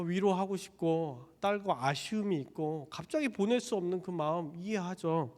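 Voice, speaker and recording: A man delivers a sermon in an animated storytelling manner, slipping into the voices of the people in the passage. His voice sits slightly high for a man. The sound rings with a long reverb, as in a large church hall. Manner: animated storytelling, acting out characters' lines. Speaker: pastor. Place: church sanctuary.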